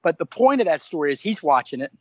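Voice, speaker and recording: A man's voice: on the high side, very animated, quick pace, dry recording, highs cut off. A man reporting on college football recruiting in casual podcast chat, rambling and correcting himself as he goes. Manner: rambling, self-correcting, many restarts. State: hiccups.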